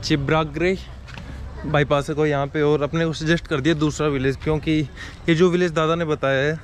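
Filming himself on an action camera at arm's length, a young man chats about his travels while strolling outdoor streets and a market, with street noise in the background. His voice is on the high side, flat, and fairly quick. He's a curious, talkative travel vlogger who stops to question locals.

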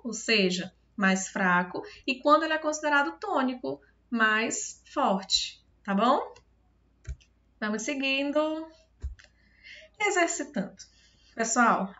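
A woman's voice: on the high side, fairly bright tone, highs cut off. A woman with a Brazilian accent giving a recorded video lesson as a teacher. She explains step by step, patiently, and keeps checking whether her students understand. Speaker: Portuguese teacher.

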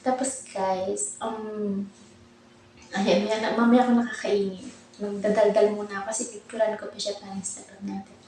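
Chatty, breathless woman vlogger, mellow voice, far from the mic in a roomy space. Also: mid-range voice, level tone, normal speed, slight background noise. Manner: chatty, rambling, self-laughing. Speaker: vlogger, overseas domestic worker. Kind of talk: casual chatty vlog. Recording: echoey room, mic at a distance.

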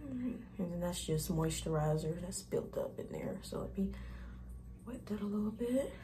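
Young woman beauty vlogger, warm mellow voice, chatty and informal, walks viewers step by step. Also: on the low side, expressive, moderate pace. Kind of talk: casual hair tutorial.

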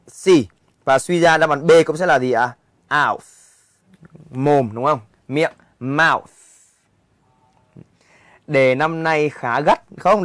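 A man's voice: on the high side, fairly bright tone, dry recording, clean studio sound. A young male English teacher, walking students through an exam in a chatty way and often checking if they follow. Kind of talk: exam walkthrough lesson.

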